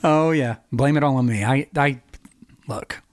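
A man's voice: medium pitch, measured pace, dry recording, studio quality. A man co-hosting a podcast in casual chat, rambling and laughing often. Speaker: podcast co-host.

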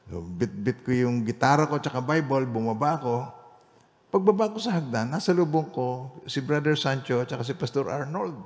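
Animated male pastor preaching in reverberant hall. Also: medium pitch, normal speed. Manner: animated storytelling, swinging between loud emphasis and quiet asides. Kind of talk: Bible study sermon with personal testimony.

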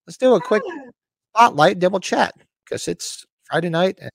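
A man co-hosts a laid-back podcast on horror collectibles, rambling cheerfully and clearing his throat, his scratchy voice trailing off as he goes. He has a high voice with lively intonation and talks at a normal pace. The recording is dry and of studio quality.

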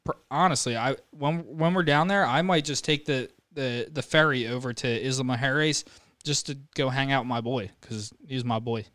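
A man's voice: medium pitch, moderate pace, fairly bright tone, dry recording. A young man with a mid-range voice chatting on a podcast. He is playful and teasing as he tells stories to his friend. His voice sounds close and dry. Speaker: podcast co-host. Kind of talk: casual chat.

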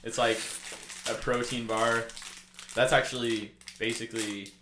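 A man's voice: medium pitch, flat delivery, unhurried. A young man chatting casually as a guest, easygoing and matter-of-fact, explaining things in short pieces. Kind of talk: casual chat. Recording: echoey room with clear background noise.

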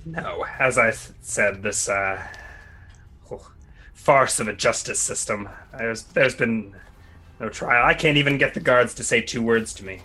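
Man playing a playful, glib cat burglar, bright-voiced. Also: mid-range voice, measured pace. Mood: indignant. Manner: playful, theatrically polite, glib. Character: tall, slouching, cocky male cat burglar prisoner, slyly evasive. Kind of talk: improvised tabletop role-play.

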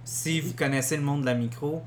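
A man with a Québécois French accent, tipsy, teasing and animated as he co-hosts a casual film podcast. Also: fairly high pitch, a little fast, a little hiss or hum. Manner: animated, teasing, laughs often. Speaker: podcast co-host.

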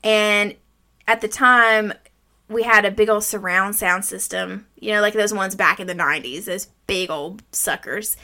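Bright-voiced woman recapping horror films. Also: medium pitch. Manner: informal, salty language. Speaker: podcast host. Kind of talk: scripted movie recap with casual chat.

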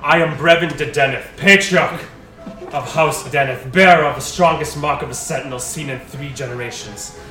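A man acts out an aged, defiant patriarch of a noble house in a tabletop fantasy game. The voice is strong, raised well above normal and loudly projected, with haughty declamation. It rings in a roomy space over music. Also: a little high, moderate pace, pitched above the performer's own voice. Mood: defiant, scornful. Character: defiant old male noble patriarch, proud warrior. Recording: roomy, distant mic, music playing.

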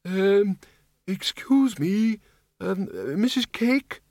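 A man voicing a polite old zombie wizard who speaks haltingly and apologetically. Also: high-pitched, darkish tone, no echo, clean studio sound, pitched above the performer's own voice, heavily acted. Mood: awkward.

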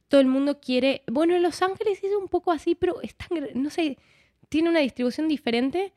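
A woman's voice: high voice, a little fast, a little mellow, dry recording, clean studio sound. A woman from Argentina, an actress, talking casually in a conversation and often tagging her thoughts with "¿no?". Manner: chatty, frequent "¿no?", switches accents. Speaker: actress, guest.

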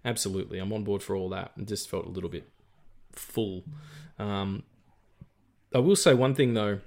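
A man's voice: lowish voice, normal speed, darkish tone. Rambling man chatting about films. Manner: rambling, many fillers and restarts, jokey. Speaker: podcast co-host. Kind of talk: casual film review chat.

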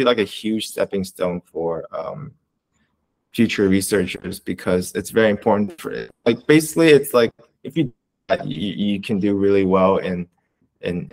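Young man, from Canada, interview guest, fairly low voice, casual, rambling, filler-heavy. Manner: rambling, restarts often, many fillers. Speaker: interview guest, clinical research coordinator.

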